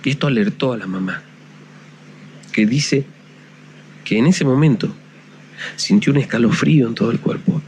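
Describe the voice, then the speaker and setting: Brief: male storyteller, mid-pitched, measured suspense, faint hiss behind. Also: darkish tone. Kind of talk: told ghost story.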